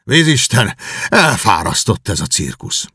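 A man voicing a coarse, brutal middle-aged beggar father who bullies and shouts. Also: lowish voice, very animated, creaky, breathy edge, no room sound, studio quality, full character voice. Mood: angry. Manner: bullying, shouting.

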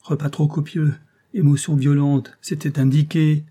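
A frightened, fussy older nobleman, as a male reader puts him on, his voice pushed up high and loud with alarm. He pleads and frets in an agitated rush, with a dark, husky undertone. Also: little pitch movement, measured pace. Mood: anxious.

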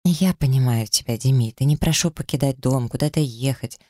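Male narrator voicing a gentle, easily hurt young woman in an audiobook; soft pleading lilt, dry close sound. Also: medium pitch, a little fast, no room sound, natural voice. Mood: tender. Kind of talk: audiobook character reading.

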